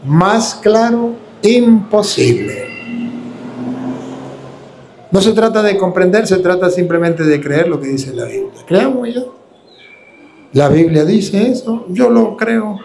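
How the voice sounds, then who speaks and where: A man's voice: high-pitched, darkish tone, a little hiss or hum. A man who is a priest, preaching a combative, mocking sermon.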